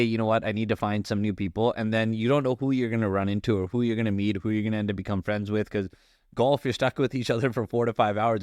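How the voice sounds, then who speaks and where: A man's voice: fairly low pitch, darkish tone, no echo, clean studio sound. A man co-hosting a podcast in casual chat, rambling with lots of "like" fillers. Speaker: podcast co-host.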